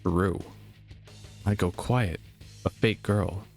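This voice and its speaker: Reading slowly and steadily, a young man narrates a game's story text in a low, deep voice, with faint game music behind him. Now and then he trips over a word and makes a joke about the slip.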